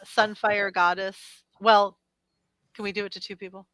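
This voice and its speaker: A woman's voice: mid-range voice, flat delivery, measured pace, fairly bright tone, no echo. A woman hosting a casual live-stream chat over a video call. She is chatty, laughs often and swears offhandedly. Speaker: host.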